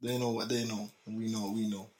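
A young man with a London roadman accent, a multicultural street English, debates casually on a podcast, packing his speech with slang. He keeps repeating tag questions and checking that he's understood. His voice is lowish, fast and a little mellow, with little pitch movement.

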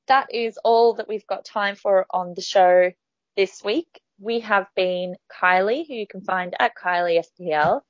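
A woman's voice: medium pitch, dry recording. A woman hosting a casual podcast, talking in a chatty way with frequent ums and restarts. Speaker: podcast host. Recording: dull, lo-fi dry sound.

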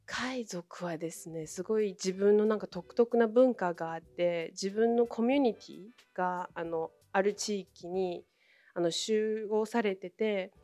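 A woman's voice: mid-range voice, measured pace, warm tone, dry recording, faint music behind. A young woman from Inner Mongolia whose first language is Chinese, answering interview questions politely with many hesitant fillers. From Inner Mongolia, China. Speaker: interview guest, former international student.

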